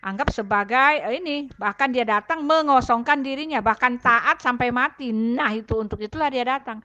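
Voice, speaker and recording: A woman's voice: a little high, normal speed, sharp tone, muffled recording. A woman serving as a church elder, chatting through scripture and thinking aloud while she hunts for Bible verses. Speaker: church elder giving testimony. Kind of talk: casual scripture explanation.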